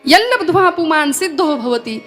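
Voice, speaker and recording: High-voiced woman preaching a kirtan sermon. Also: animated, moderate pace, a bit bright, faint music behind. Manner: storytelling with sung verses and acted quotes. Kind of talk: devotional kirtan sermon with chanting.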